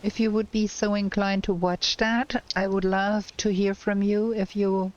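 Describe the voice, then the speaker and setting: Slow-talking woman with a cracking voice. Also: medium pitch, level tone, dull audio. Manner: slow and hesitant, thinking aloud. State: voice cracking, unwell. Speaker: game streamer. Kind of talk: casual gameplay commentary.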